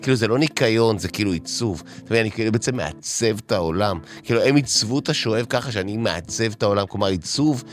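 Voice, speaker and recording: A man's voice: fairly low pitch, hardly any pauses, close to an everyday voice. A man playing an overexcited acquaintance who rambles and keeps saying "listen". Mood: excited. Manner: excited, keeps repeating "listen". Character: overexcited man raving about his vacuum.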